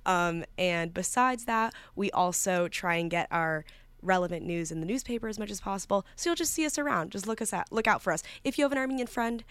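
A woman's voice: mid-range voice, brisk, fairly bright tone, clean tone, no echo. A young woman from New York, a student guest talking earnestly in a casual interview, with many fillers and restarts. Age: young adult.

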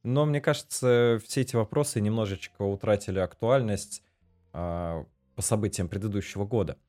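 A man from Russia hosting a podcast interview, chatting in a relaxed way with fillers. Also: fairly low pitch, normal speed. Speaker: podcast host.

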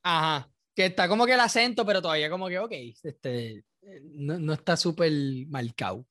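A man's voice: a little high, lively intonation, moderate pace, sharp tone, no room sound, studio quality. Profane Puerto Rican man hosting a podcast. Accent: Puerto Rican Spanish. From Puerto Rico. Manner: loose and profane, laughs often. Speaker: podcast host. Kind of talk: casual podcast chat reacting to a video.

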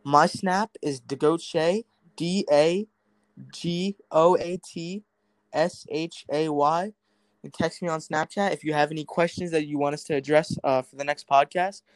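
A teenage boy hosts a casual podcast with friends, his voice sitting a little high. He rambles with lots of fillers and restarts, recorded dry and close with no room sound. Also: fairly even intonation, unhurried, no room sound. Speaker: podcast host.

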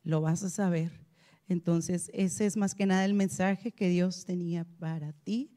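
A woman's voice: on the low side, fairly even intonation, a little slow, warm tone. A woman giving a casual, direct devotional message, encouraging and full of fillers. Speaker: speaker at a women's church series.

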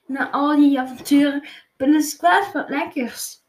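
A woman voicing a cheerful, eager young female dog in a children's storybook reading, bright and excited. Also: sits high, a little slow, pitched above the performer's own voice.

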